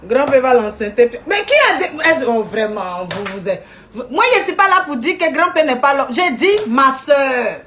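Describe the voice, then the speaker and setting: A woman's voice: high voice, lively intonation, normal speed, fairly bright tone, slight background noise. A woman ranting indignantly on a live video stream, scolding people and greeting viewers by name.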